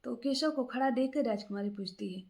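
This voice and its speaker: A woman's voice: fairly high pitch, brisk, darkish tone. A woman casually telling a moral story aloud, unscripted, with frequent fillers and restarts.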